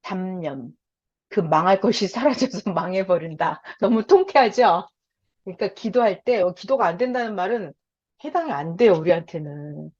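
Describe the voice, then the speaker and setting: A woman preaching a sermon, animated and repetitive, acting out short prayers in a bright eager voice. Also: fairly low pitch, normal speed, highs cut off. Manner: repeats phrases for emphasis.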